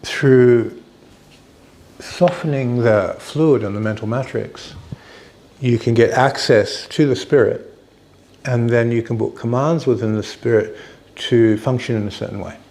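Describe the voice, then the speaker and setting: A man teaching informally, explaining step by step with pauses as he finds his words. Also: medium pitch, a little mellow. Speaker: teacher of hypnotherapy and meditation.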